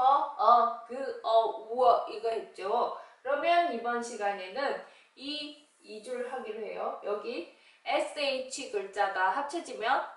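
A woman teaching children English phonics, sounding out letters slowly and cheerfully. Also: on the high side, very echoey, distant mic. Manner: slow, drawn-out sounding of letters, cheerful greetings.

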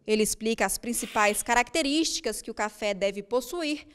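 A woman reporter reading a news voice-over narration in a measured way. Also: fairly high pitch, animated, smooth.

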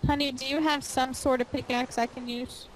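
Playful mom on a voice call. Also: female voice, high voice, little pitch movement, moderate pace, a little hiss or hum, rough recording. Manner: playful, teasing, asks lots of questions. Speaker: mom and wife in a family game session. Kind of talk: casual gaming chat.

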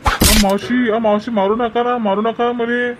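Man voicing cheeky young troublemaker, quick and high. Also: fairly even intonation, background noise, lightly acted. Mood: begging. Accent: Varhadi Marathi. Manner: defiant, whining when caught.

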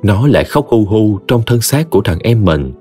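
Southern vietnamese guy telling a story, expressive, pitch all over, faint music under it. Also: moderate pace, husky. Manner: expressive, folksy. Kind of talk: audiobook story narration.

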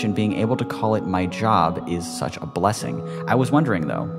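A man co-hosting a podcast in casual chat, joking, swearing and mocking himself. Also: on the low side. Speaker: podcast co-host.

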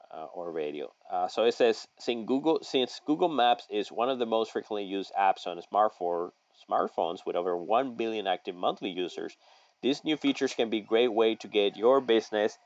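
A middle-aged man giving a screen-share tutorial from a home office, reading an article aloud and adding his own comments, with lots of fillers and restarts. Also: low voice. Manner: halting, many fillers and restarts, folksy asides. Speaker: local online marketing consultant. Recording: dry, slightly dull audio.

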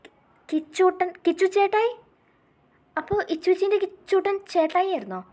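A chirpy teenage girl, put on by a woman storyteller, teasing and excitable in a storybook love tale. Her voice sits high and lifts easily into eager bursts. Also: moderate pace, lightly acted. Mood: delighted. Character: cheerful teenage girl, playful and chatty.

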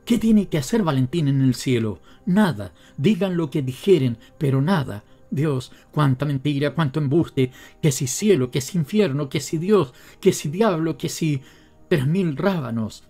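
A man with a Latin American Spanish accent voicing a furious, grieving miserly father who shouts and rails bitterly in an audiobook. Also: fairly high pitch, close to an everyday voice.

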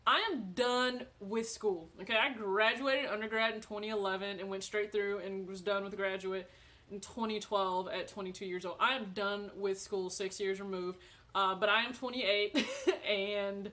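A woman's voice: mid-range voice, a bit bright. A woman in her late twenties chatting casually to camera from her living room, friendly and talkative with frequent laughs and fillers. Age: 20s. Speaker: vlogger.

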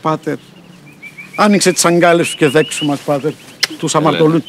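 A man's voice: on the high side, fairly even intonation, background noise, natural voice. An actor playing a glib mock-pious male rogue. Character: smooth-talking male playboy debtor feigning piety. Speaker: actor in a TV comedy series. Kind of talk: sitcom acting.

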